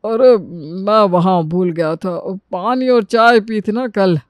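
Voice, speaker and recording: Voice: medium pitch, takes it slowly, no echo, studio quality, lightly acted. A voice actor playing a careless young adult son in a cartoon, casual and breezy.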